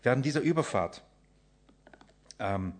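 A man preaching a sermon to his congregation, emphatic, often swinging between loud and soft and acting out the people he quotes. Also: medium pitch, lively intonation, measured pace. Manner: emphatic, acts out quoted voices and shifts loudness often.

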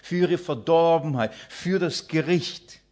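Emphatic preacher, a higher-voiced man. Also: a little slow. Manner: emphatic, acts out quoted voices and shifts loudness often. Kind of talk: sermon.

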